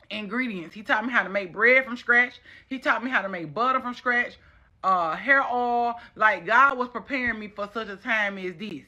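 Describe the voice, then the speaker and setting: A woman's voice: fairly high pitch, sharp tone, highs cut off. A woman with a Southern US accent giving an impassioned, casual social media rant, scolding and repeating phrases for emphasis.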